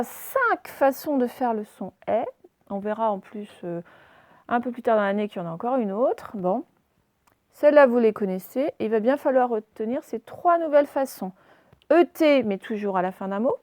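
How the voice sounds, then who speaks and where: A woman primary school teacher giving a recorded phonics lesson to young pupils, speaking slowly and spelling out letters and words at a whiteboard, picked up by her camera's microphone. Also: on the high side, lively intonation, a little mellow, no room sound. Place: room with a whiteboard, filmed on her own camera.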